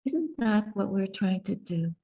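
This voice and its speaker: A woman giving a Buddhist talk and guided meditation in a soft, calm, deliberate voice, speaking in short contemplative phrases with long pauses. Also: mid-range voice, distant mic. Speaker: Buddhist nun teaching and guiding meditation.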